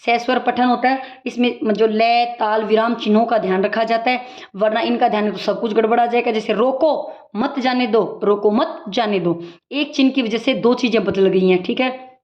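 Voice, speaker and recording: A woman teacher giving a brisk exam-prep recap lecture, explaining points with everyday examples. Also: a little high, fairly even intonation. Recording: dull lo-fi audio.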